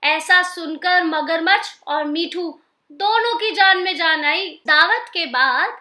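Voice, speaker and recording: A woman narrating a scripted children's fable in a gentle, clear storybook manner. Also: very high voice, animated, slow.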